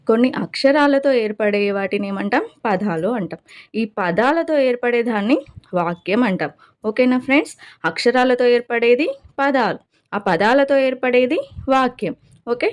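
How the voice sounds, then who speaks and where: A woman giving an exam-prep grammar lesson. She asks questions, answers them herself, and keeps checking that her listeners follow. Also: fairly high pitch. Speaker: teacher.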